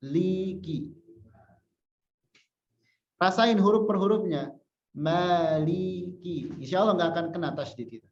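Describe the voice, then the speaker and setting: Slow, patient male religious teacher. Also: on the high side, darkish tone, a little hiss or hum. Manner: patient, repeats syllables to demonstrate pronunciation; chants example verses slowly. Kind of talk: Quran recitation lesson. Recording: echoey room, dull lo-fi sound.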